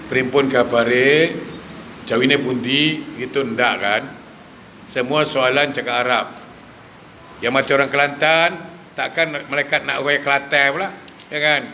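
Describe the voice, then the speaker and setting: A male preacher gives a lively sermon, firing rhetorical questions at his listeners and mixing in humor. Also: medium pitch, normal speed, a little hiss or hum. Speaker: religious preacher.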